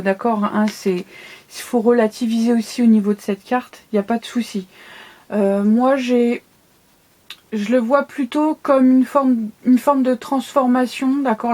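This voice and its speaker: A tarot card reader with a fairly high, mellow voice gives a casual, conversational reading. She has a lisp from new dental braces and frequently checks that the listener is following.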